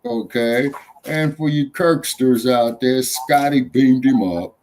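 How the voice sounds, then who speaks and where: Slow-drawling man hosting a talk show. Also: mid-range voice, a little mellow, a little hiss or hum. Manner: loose, heckling, drawling asides. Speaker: podcast host. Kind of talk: casual talk show chat.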